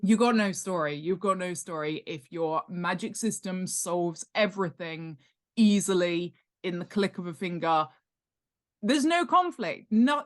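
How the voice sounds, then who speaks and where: A woman with a fairly low pitch talks casually as an expert guest on a podcast, an author and world-building specialist giving instruction in an interview chat. She explains things informally and emphatically with animation, repeating key points, posing rhetorical questions, and acting out examples.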